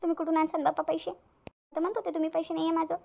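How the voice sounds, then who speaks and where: A woman plays a sly, whiny young wife in a cartoon, her high voice edged with gravel as she pleads and wheedles. She rattles her lines off at a brisk clip. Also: level tone, dull audio. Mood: wheedling. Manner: wheedling, fake-tearful pleading. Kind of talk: cartoon voice acting.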